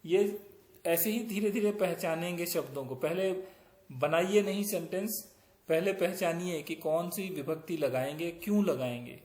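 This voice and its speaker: A man's voice: on the high side, moderate pace, darkish tone, roomy sound. A man teaching Sanskrit grammar, patiently explaining step by step with example sentences. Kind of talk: grammar lesson, explaining in Hindi.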